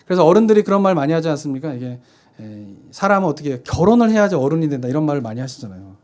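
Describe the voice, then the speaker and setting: Chatty pastor asking and answering himself. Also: male voice, a little high, big pitch swings, racing, darkish tone. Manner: conversational, asks rhetorical questions and answers himself. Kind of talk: sermon. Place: church sanctuary.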